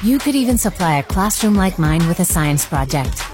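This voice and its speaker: A woman's voice: lowish voice, animated, moderate pace, over music, lightly acted. A woman playing a female science teacher explaining things to pupils in a commercial. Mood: instructive.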